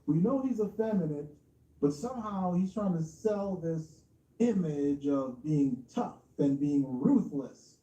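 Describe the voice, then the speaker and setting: Smug, sarcastic commentator, dark-toned and echoey. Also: mid-range voice, animated, unhurried. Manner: smug, sarcastic, taunting exposé with rhetorical questions. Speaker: online commentary show host. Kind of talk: mocking commentary over clips. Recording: echoey, dull, distant mic.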